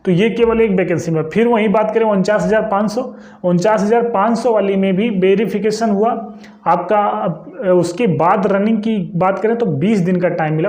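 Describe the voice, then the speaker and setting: This young man explains exam information informally on YouTube, his voice sitting high and slightly mellow. He talks conversationally and regularly adds brief check-in tags to confirm viewers understand. The recording has an echoey room quality.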